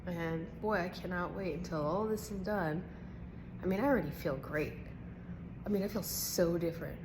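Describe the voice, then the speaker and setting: A woman's voice: fairly low pitch, normal speed, background noise. A woman recovering the day after dental surgery, talking to the camera in an earnest, emphatic, rambling personal vlog. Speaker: health vlogger.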